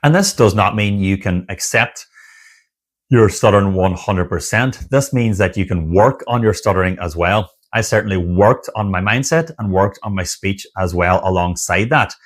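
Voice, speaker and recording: Speaking directly to camera, a stuttering coach who founded an online community encourages his viewers with earnest warmth in a low voice. His motivational message comes in repeated list phrases broken up by pauses.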